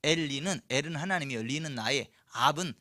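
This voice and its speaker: A man preaching a sermon at a church night service, telling the story lively and asking the congregation questions. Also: a little high, fairly quick, dry recording, clean studio sound. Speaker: pastor.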